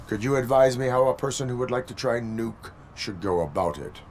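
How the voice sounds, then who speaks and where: An actor voicing a calm, cold male cyborg police officer in a video game. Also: mid-range voice, brisk, slight background noise, close to an everyday voice. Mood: deadpan.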